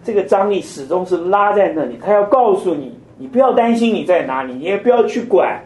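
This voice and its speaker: A man's voice: high-pitched, animated, a little fast, darkish tone. An older man teaching a conversational Bible study, asking his listeners many questions. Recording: echoey room, mic at a distance.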